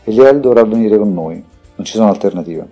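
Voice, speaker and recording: A man voicing a weary old sage in an audiobook, speaking in slow, grave explanations. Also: fairly low pitch, animated, warm tone, soft background music.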